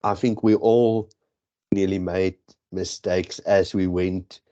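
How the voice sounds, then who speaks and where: Taking his time in a low, steady, dark voice, a man preps a student for a statistics exam. He speaks with a South African accent, Afrikaans being his first language, and his explanation rambles and corrects itself on dull lo-fi audio.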